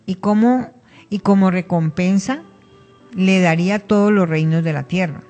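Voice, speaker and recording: A woman, giving a Bible teaching on a radio program in a measured, deliberate way. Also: medium pitch, warm tone, faint music behind. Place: radio studio.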